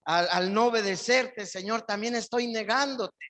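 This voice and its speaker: A man's voice: sits high, moderate pace, fairly bright tone. A male pastor preaching a sermon in church, his voice surging up with emphasis on key phrases.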